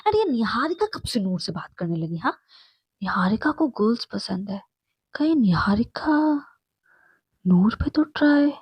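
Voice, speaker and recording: A woman's voice: a little high, sing-song, measured pace, slightly rough, dry recording, exaggerated voice. Woman doing a jealous, flustered young woman. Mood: fretful. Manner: sharp, fretful, scolding herself.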